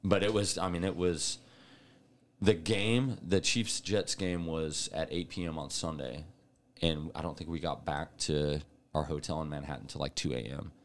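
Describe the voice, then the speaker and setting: A man co-hosting a podcast, telling animated stories in casual chat and laughing often. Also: a bass voice, normal speed. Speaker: podcast co-host.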